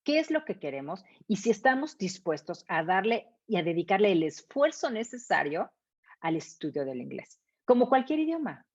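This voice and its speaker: A woman's voice: medium pitch, sing-song, moderate pace, darkish tone. A woman, an English teacher explaining her method in an interview with emphatic repetition and rhetorical questions. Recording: dull lo-fi sound.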